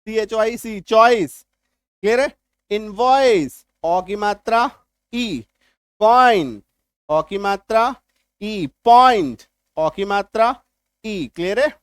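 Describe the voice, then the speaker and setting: A man teaching English spelling and pronunciation in Hindi, going slowly, repeating words and often checking whether his viewers understood. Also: high-pitched, smooth, dry recording. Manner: slow and repetitive, often checking that viewers follow. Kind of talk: spoken Hindi spelling lesson.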